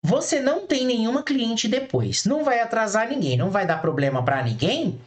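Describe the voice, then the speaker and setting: A man's voice: extremely high pitch, big pitch swings, moderate pace. A man teaching eyebrow designers in a casual online class, chatty, blunt and familiar with his listeners, often acting out conversations with clients. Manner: chatty, acts out client dialogues in quoted voices.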